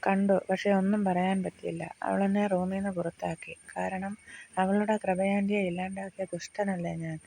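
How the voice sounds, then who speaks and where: A man's voice: high voice, flat delivery, normal speed, creaky, dark tone, slight background noise. A reader voicing a remorseful man confessing the wrongs he did, in an audiobook of a novel. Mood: dejected. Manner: guilt-stricken, confessing.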